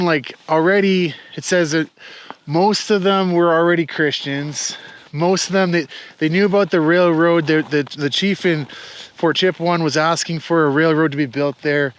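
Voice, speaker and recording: A man's voice: on the high side, a bit bright. A man interviewing casually, thinking aloud in a tentative way with lots of filler words.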